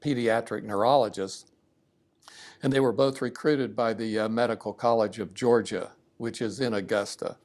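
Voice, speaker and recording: An older man, a veteran, remembering his family history haltingly in an interview. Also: lowish voice, fairly even intonation, darkish tone. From southern Ohio, United States.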